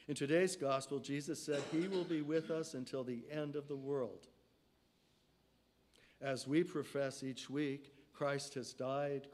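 An older man preaching a sermon at a lectern in a church sanctuary, speaking into a stand mic in slow, measured phrases that fall away at the end of each line. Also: medium pitch, a little mellow.

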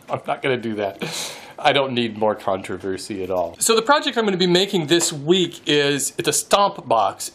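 In his home wood shop, a woodworking channel host in his forties chats casually and laughs often, holding the camera at arm's length, which also serves as the mic. His voice is mid-range and a bit bright.

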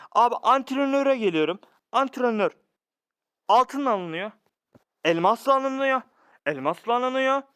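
A man with a high voice, recorded dry and close on a phone, complains about a mobile game. He sounds exasperated and keeps repeating his rhetorical questions. He talks straight to his viewers as if they were his brothers. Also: bright, forceful tone, smooth, no echo. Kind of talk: ranting screen-recorded game commentary.

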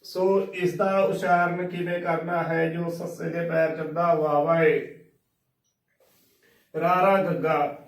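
A man teaches scripture pronunciation, spelling each word out letter by letter. His voice sits high and stays level, with little rise or fall. He sounds a little distant from the mic, in a roomy, echoing space. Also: level tone. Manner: slow, methodical, repeats spellings letter by letter. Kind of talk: religious pronunciation lesson. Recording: echoey room, voice from a distance.

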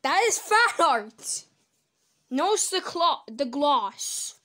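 Slow and sing-song, with a voice that sits high, a woman gives casual reaction commentary on videos at her desk microphone. She is crude and blunt, swearing liberally and erupting in sudden loud outbursts.

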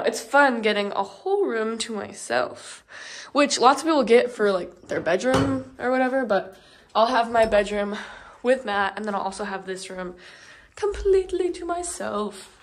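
A young woman chatting casually as she walks through an empty house, filming a tour vlog with frequent ums and likes. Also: medium pitch. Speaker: vlogger.

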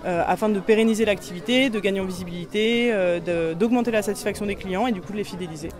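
A woman's voice: mid-range voice, fast talker, a crowd in the background. A young woman, a business founder, explaining her company steadily outdoors into a handheld mic. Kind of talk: business pitch. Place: outdoor fair under trees. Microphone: handheld mic held by interviewer.

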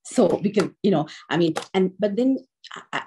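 A woman in a Dharma chat, speaking haltingly while searching for words on a video call. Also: mid-range voice, lively intonation, warm tone, a little hiss or hum.

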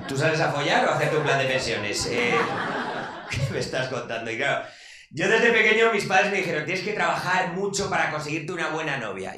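Brash stand-up comic from Spain, thirties, crude, acts out quotes in put-on voices, bit high-pitched, live echoey club, noisy. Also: male voice. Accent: Spanish from Spain. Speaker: stand-up comedian. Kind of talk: stand-up comedy monologue. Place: comedy club stage. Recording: echoey club with loud background noise.

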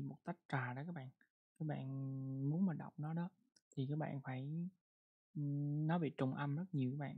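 An English pronunciation teacher in a casual online lesson, who repeats words and reads English example sentences slowly. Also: mid-range voice, breathy edge, narrow, tinny audio.

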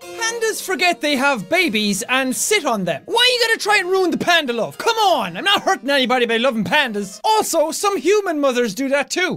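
A young man reading out and answering viewer comments in a casual vlog, talking loudly and playfully. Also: extremely high pitch, brisk, faint music behind. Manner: loud, energetic, playful.

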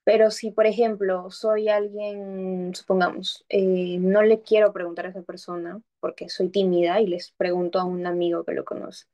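A woman's voice: medium pitch, little pitch movement, normal speed, few pauses, highs cut off. Patient woman teacher explaining grammar. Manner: patient, explaining step by step with examples; checks understanding often with "¿ok?". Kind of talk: online grammar lesson.

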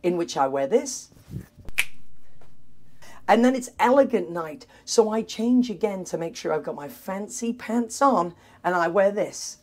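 A man's voice: sits high, expressive, measured pace, a little hiss or hum. Male, 30s, upbeat cruise director; enthusiastic, casual vlog presenting straight to camera. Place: aboard a cruise ship, in cabins, corridors and busy public decks.

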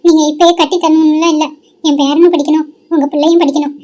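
A polite elderly grandmother in a homemade cartoon pleads gently, voiced by a woman. She talks high and quick, with a mellow tone. The sound is dull and lo-fi. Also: little pitch movement. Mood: pleading.

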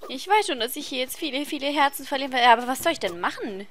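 Woman, high bright voice, chatty gameplay commentary, faint game music behind. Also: expressive, fast talker. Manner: reads game dialogue aloud, chatty and frustrated. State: tired voice. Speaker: let's play host.

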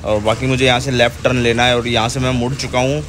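With a level tone and a fast, mid-range, slightly bright voice, a young vlogger keeps up chatty narration as he rides a motorbike on city roads and points out what he sees. Wind, traffic and engine noise fill the helmet or chest camera mic recording.

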